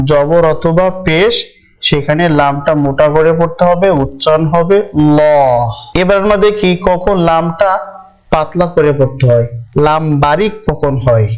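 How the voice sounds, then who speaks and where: Man, recitation teacher; smooth, slightly high voice, patient and repetitive. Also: low-quality recording. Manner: patient, repeats each rule slowly. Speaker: Quran reading teacher. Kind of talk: step-by-step recitation lesson.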